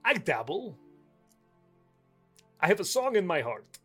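A woman improvises casual in-character chat as a player in a tabletop game. She is effusive and jokey, and her pitch moves around a lot. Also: very animated, unhurried, a bit bright, husky, faint music behind.

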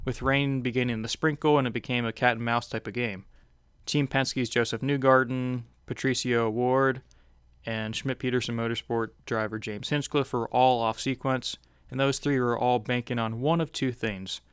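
A man's voice: medium pitch, fairly bright tone, smooth, no echo, studio quality. Man giving a casual race recap. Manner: conversational, with frequent "uh" fillers. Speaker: racing recap host.

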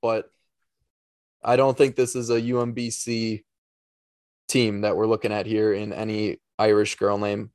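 A man's voice: lowish voice, little pitch movement, measured pace, long pauses, darkish tone, smooth, no echo, studio quality. A man co-hosting a casual podcast, easygoing and hesitant, often restarting his sentences. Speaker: podcast co-host.

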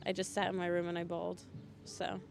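A woman guest on a casual podcast who is giggly and animated, recorded outdoors in a park gazebo. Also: on the low side, brisk, gravelly. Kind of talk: casual chat, telling a joke. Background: birdsong and faint Christmas music.

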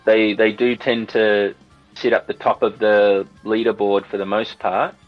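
A man's voice: lowish voice, little pitch movement, measured pace, highs cut off, soft background music. A middle-aged man hosting a casual podcast chat in an informal way. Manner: informal, says mate. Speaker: podcast host.

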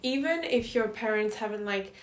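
A woman chatting about films in a relaxed group talk, pausing to correct herself as she goes. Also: mid-range voice. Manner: thoughtful, self-correcting. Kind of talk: casual film discussion. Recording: roomy echo.

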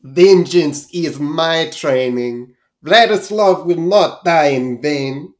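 A man's voice: fairly high pitch, slow pace. A man playing an earnest, vengeful young eater. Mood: determined. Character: determined young male Soviet eater, vengeful.

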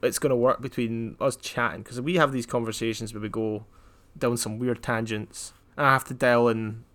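Young man, deadpan, rambling, casual podcast chat, flat delivery. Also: mid-range voice, moderate pace. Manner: deadpan, rambling joke-telling. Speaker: podcast co-host.

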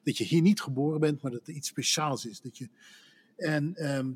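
A man's voice: on the high side, moderate pace, husky. A Dutch man who works as a voice actor, chatting casually on a podcast and telling stories with self-deprecating humor. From Netherlands. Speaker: voice actor guest.

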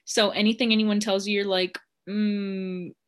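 On a casual podcast she co-hosts, a young woman chats openly, filling her talk with "like." She speaks at a medium pitch with little pitch movement and a measured pace.

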